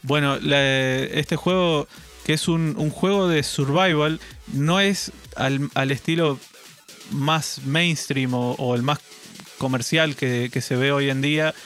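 A man co-hosting a casual gaming news chat, relaxed and hesitant, often repeating words as he talks. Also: fairly high pitch, takes it slowly, faint music behind.

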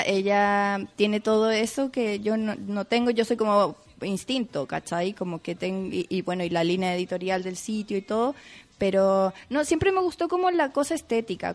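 A woman with a Chilean accent, talking casually in an interview, chatty, full of fillers and quick to laugh. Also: mid-range voice. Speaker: guest.

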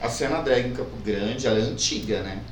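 A man's voice: mid-range voice, fairly quick. A man with a Brazilian accent bantering like a campy drag queen, brash and self-mocking. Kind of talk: casual podcast banter. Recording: echoey room, distant mic, chatter behind.

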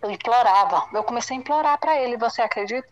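A Brazilian woman with a fairly high voice tells her story in an interview. She speaks haltingly and circles back on her own words. She slips into the voices of the people in the conversations she recalls. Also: highs cut off. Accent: Brazilian Portuguese. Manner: halting, repeats herself, acts out dialogue. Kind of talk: emotional personal testimony.

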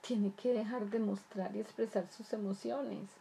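A woman's voice: mid-range voice, fairly even intonation, unhurried, gravelly, mellow, a little hiss or hum. A woman talking earnestly to parents about raising children, repeating phrases and asking rhetorical questions. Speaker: child development speaker. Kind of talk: explanatory talk to parents.

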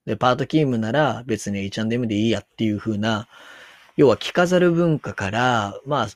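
A man's voice: mid-range voice, a little fast, no room sound. Musing Kansai man, dry close sound. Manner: musing aloud, reads passages out. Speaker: solo commentator. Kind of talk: casual commentary on a news article.

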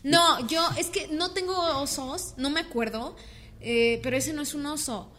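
Brief: young Mexican woman co-host, high bright voice, rambling slangy anecdotes. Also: moderate pace. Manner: rambling, slangy, peppered with "güey". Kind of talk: casual chat, storytelling.

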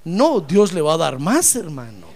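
A man's voice: sits high, big pitch swings, moderate pace. A man preaching a sermon with fervor, calling his listeners brother and acting out the voices he quotes.

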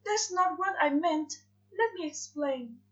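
A woman voicing a fussy, gentle male angel, soft-spoken, pleading and eager. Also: extremely high pitch, lively intonation, measured pace, pitched above the performer's own voice. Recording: dull lo-fi recording.

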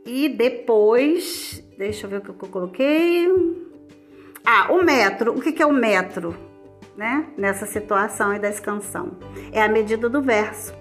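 A woman's voice: on the high side, lively intonation, a little slow, soft background music. A Brazilian woman teacher with a Brazilian Portuguese accent, explaining a lesson step by step in a chatty way, often checking in with her students. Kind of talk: casual recorded lesson for students.

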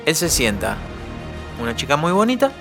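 A young man with an Argentine Rioplatense accent, telling a personal anecdote on a podcast in an animated way. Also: fairly high pitch, normal speed, gravelly, over music. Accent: Argentine Rioplatense Spanish. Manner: animated, acts out quoted voices with shouts. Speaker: guest storyteller.

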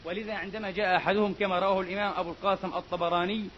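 A man's voice: high-pitched, flat delivery, very fast, a crowd in the background. A man preaching a Friday sermon in a mosque, emphatic and given to repeating key phrases. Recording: dull lo-fi recording with faint hiss.

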